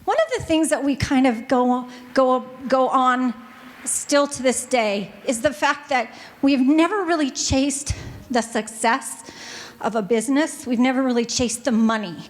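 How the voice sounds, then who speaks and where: A middle-aged woman with a Pacific Northwest American accent, speaking on a business panel into a handheld microphone in a hotel ballroom, chatty and quick, joking with the audience. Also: high voice. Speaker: panelist, music store owner. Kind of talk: panel talk to a live audience.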